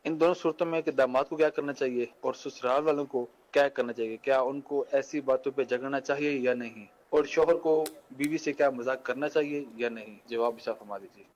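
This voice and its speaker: A man's voice: medium pitch, darkish tone, lo-fi sound. Man formally reading a question. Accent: Pakistani Urdu.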